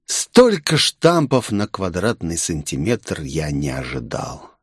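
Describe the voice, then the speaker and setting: A man narrating a first-person audiobook in a wry, expressive storytelling manner. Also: low-pitched, takes it slowly, breathy edge, no room sound, clean studio sound.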